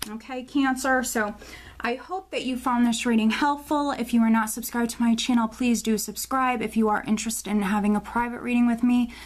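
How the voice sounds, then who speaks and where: A woman's voice: fairly high pitch, fairly even intonation, brisk. A woman giving a casual monthly tarot forecast. She is often out of breath and rambles, with many fillers and restarts. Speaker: tarot reader.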